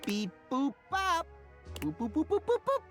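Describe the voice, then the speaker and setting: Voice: huge pitch swings, a little slow, faint music behind, full character voice. Dishy, an actor voicing a beeping robot dishwasher. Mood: robotic. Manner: sweeping swoops from high squeaks to deep low tones. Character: pompous talking dishwasher, grandiose and self-important. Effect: robot voice, chanting beeps and boops like a machine. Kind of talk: video game character voice.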